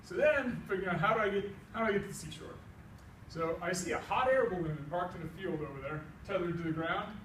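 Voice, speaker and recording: Telling a comic tall tale live, a middle-aged American man with a fairly high voice talks fast in an animated, folksy style, acting out both sides of each conversation. The recording is echoey, with faint noise and a distant mic that sounds as if it sits across the room.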